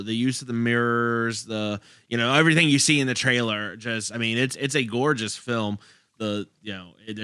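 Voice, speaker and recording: Bright-voiced man. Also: mid-range voice, clear, resonant tone, dry recording, clean studio sound. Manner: hesitant, many restarts and fillers. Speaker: podcast co-host. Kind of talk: casual movie review chat.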